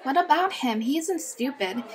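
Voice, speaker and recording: A woman's voice: high-pitched, lively intonation, normal speed, a faint crowd. A woman playing a brash, tough schoolgirl vigilante in a comic dub, matter-of-fact and foul-mouthed. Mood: cocky, eager. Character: brash, tough schoolgirl vigilante, fiercely devoted to late father. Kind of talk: comic dub narration and dialogue. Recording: music behind the voice.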